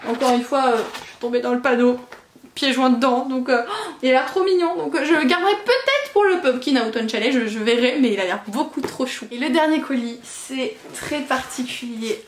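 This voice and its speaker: A woman's voice: high-pitched, animated, a little fast, slight background noise. A woman book vlogger chatting casually and gushing over her new books as she unboxes them, giggly and self-mocking. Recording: echoey room.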